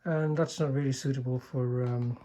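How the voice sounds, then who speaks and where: An older radio repairer casually demonstrates a restored chassis, understated and hesitant, often trailing off mid-remark. He speaks at normal speed in a warm, mid-range voice with fairly even intonation.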